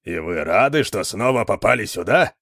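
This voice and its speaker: A stern older guard scolds with indignant scorn, his low voice rising and falling widely. A man acts him out in a storybook reading. The recording is dry and close. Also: animated, normal speed, fairly bright tone, no echo. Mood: scornful.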